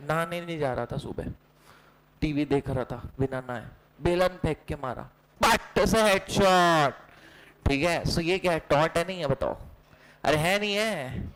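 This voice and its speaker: A man's voice: a little high, poor audio. An Indian male teacher giving a playful online lecture, joking and quizzing his students with repeated lines. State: recently unwell. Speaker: online exam-prep teacher. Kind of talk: energetic classroom lecture.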